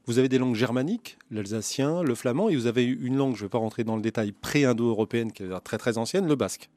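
A man, a journalist guest on a radio talk show, explaining at length in a measured, lecturing way. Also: mid-range voice, darkish tone, no room sound. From southwest France.

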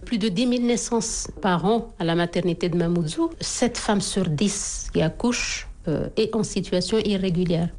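A woman mayor speaking firmly and deliberately in a radio interview. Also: lowish voice, creaky, mellow.

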